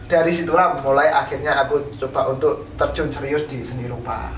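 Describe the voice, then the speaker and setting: A man from East Java, an interviewed painter, tells his life story in a casual, unhurried way with many fillers. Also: mid-range voice, fairly even intonation, a bit bright. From East Java, Indonesia. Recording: roomy, from a distance, faint background noise.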